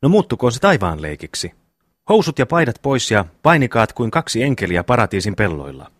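A man's voice: medium pitch, sing-song, no echo, clean studio sound. A man reading the part of a witty youngest brother in an audiobook, sly and mocking. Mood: teasing.

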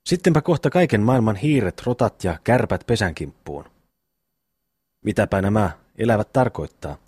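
A man's voice: fairly low pitch, expressive, a little mellow, husky, no room sound, studio quality. A man voicing a brash, bossy eldest peasant brother in a classic audiobook reading. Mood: blustering. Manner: bossy, quick to scold.

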